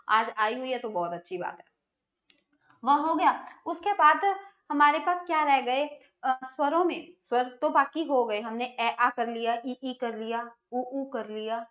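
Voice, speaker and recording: A woman's voice: sits high, fairly bright tone, dull audio. A woman teaching a live online Hindi grammar class, who asks questions and answers them herself.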